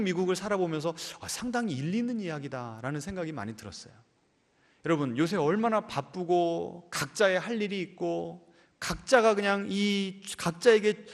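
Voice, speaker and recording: A male pastor preaching a sermon, questioning his congregation and swinging between emphatic raised lines and soft low endings. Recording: church hall with long reverb.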